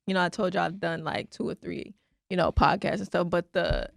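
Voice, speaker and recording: Gravelly young woman, chatty podcast host. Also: lowish voice, fairly even intonation, fairly quick, dry recording, studio quality. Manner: filler-heavy, enthusiastic, says "like" constantly. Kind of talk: casual chat.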